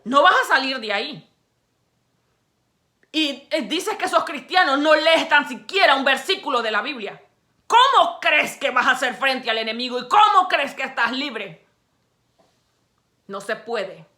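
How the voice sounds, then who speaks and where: A woman preacher delivering a sermon. She speaks straight to the listener, exhorting and scolding. She swings from quiet, low stretches to loud, raised passages. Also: animated, unhurried, long pauses. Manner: emphatic, exhorting the listener directly.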